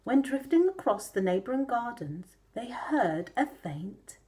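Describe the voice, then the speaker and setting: A woman's voice: fairly high pitch, big pitch swings, unhurried, dark tone. A woman telling a story to young children in a broad, singsong kids' theatre manner, drawing out words.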